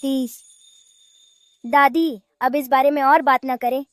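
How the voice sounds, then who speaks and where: A woman voicing a sweet, gentle and forgiving young girl in a dubbed cartoon, earnest in her pleading. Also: high-pitched, steady tone, measured pace, no room sound, soft background music. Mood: reassuring.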